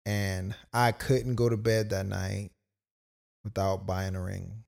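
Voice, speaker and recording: Speaking slowly in a deep, gravelly, darkish voice, a young podcast co-host relays a personal anecdote at a level tone. He's casual and loose about it, dropping in many "like"s and quoted asides.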